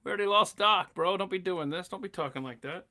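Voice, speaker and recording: A man in his forties hosting a podcast, chatting casually and excitedly, often stammering and restarting his sentences. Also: sits high, fast. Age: 40s. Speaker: podcast host. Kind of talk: casual chat.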